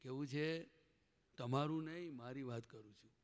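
A man's voice: medium pitch, normal speed. A man giving a spiritual sermon to a gathering, often asking the audience questions and pressing them to answer. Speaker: spiritual teacher. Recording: long hall reverb.

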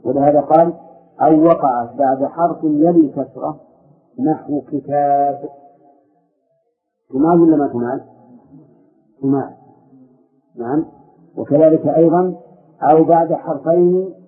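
A man leads a grammar lesson, walking through verses and stopping to question and correct his students. His voice comes through a narrow, tinny recording. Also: fairly high pitch. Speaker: sheikh teaching grammar. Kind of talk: classroom lesson explaining verse. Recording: tinny phone-like audio.

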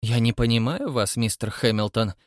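A man reading an audiobook voices a thin, prim spinster woman who speaks calmly, mildly and with quiet menace. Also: mid-range voice, normal speed, no echo, clean studio sound, close to an everyday voice. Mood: sweetly sinister. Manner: calm, mild, quietly menacing.

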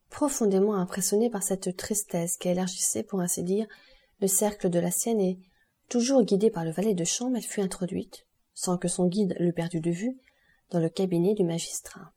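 A woman narrating a classic novel as an audiobook reader, with a steady, measured reading. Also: mid-range voice, husky.

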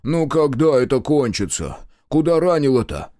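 A man's voice: medium pitch, very animated, moderate pace, pitched above the performer's own voice, close to an everyday voice. A bellowing frantic partisan commander, man doing him. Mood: agitated. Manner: shouting, barking orders.

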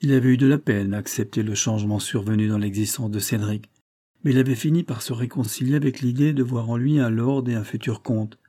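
A man narrating a classic children's novel in a measured, scripted audiobook reading. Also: medium pitch, warm tone.

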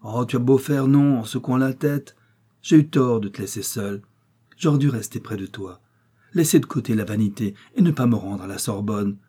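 A man's voice: mid-range voice, moderate pace, warm tone, husky, close to an everyday voice. A man reading aloud and voicing an anxious, devoted young woman student who speaks in urgent, fretful pleas.

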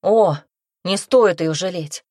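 A woman's voice: lowish voice, slow, darkish tone, no echo, studio quality. A woman voicing an outspoken, impulsive young heroine who talks emphatically. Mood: indignant. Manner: emphatic, exclaiming.

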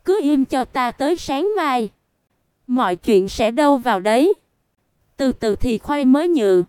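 A calm, scheming mistress of the house from a storybook, read by a woman narrator. She gives slow, careful instructions full of proverbs, in a high, very smooth voice. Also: dry recording, clean studio sound.

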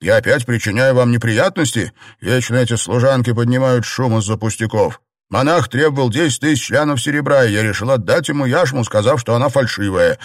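A man's voice: medium pitch, brisk, no room sound, studio quality, voice pushed up, natural voice. A man voicing an earnest, stubborn young nobleman who speaks with agitated insistence.

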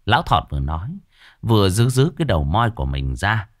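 A man with a low voice narrates a ghost story, his pitch rising and falling with lively expression. The recording is dry and close, with no room sound. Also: a little fast, no room sound.

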